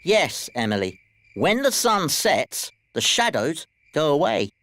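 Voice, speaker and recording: An actor playing a big, patient animal father with a British accent, explaining gently to children in a preschool cartoon. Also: fairly high pitch, very animated, measured pace, heavily acted. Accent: British English.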